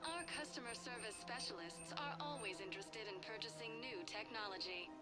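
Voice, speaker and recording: Woman playing a female shop announcer, store advertisement voice, polished promo delivery, slightly high pitch, loud music behind. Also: a little fast, close to an everyday voice. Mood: upbeat. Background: game music.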